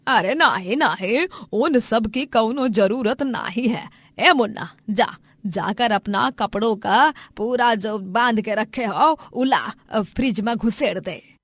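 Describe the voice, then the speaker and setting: A woman's voice: a little high, expressive, takes it slowly, a bit bright, dry recording, full character voice. A woman voicing a simple village wife and mother in a cartoon story, earnest and speaking in rustic dialect. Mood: bossy.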